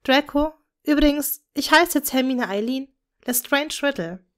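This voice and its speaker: A young, earnest witch speaks eagerly to her family, voiced by a woman reading aloud. The voice is a little brighter and higher than the narration, sincere and devoted. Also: unhurried. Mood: gentle.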